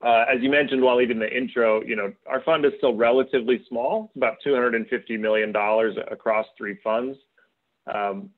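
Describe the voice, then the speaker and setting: Man on a tinny video call. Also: medium pitch. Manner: fluent, explanatory, with frequent fillers. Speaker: venture capital investor. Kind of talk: panel talk over a video call.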